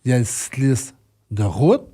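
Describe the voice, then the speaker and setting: A man's voice: medium pitch, lively intonation, normal speed, dark tone, husky. A man with a Québécois accent, a trucker co-hosting a podcast, talking emphatically and addressing his listener directly. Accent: Québécois French. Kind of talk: casual podcast discussion.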